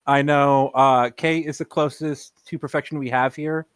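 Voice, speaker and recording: A man's voice: medium pitch, fairly even intonation, normal speed, over a noisy crowd. A man co-hosting a podcast, talking earnestly in casual discussion and repeating words as he builds his point. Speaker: podcast co-host.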